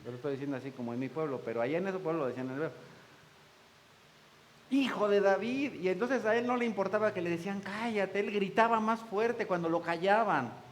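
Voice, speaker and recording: Man, pastor, church sermon, folksy and joking, fairly high pitch, faint background noise. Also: fast talker, poor audio. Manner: folksy, jokes with the congregation, acts out quoted voices.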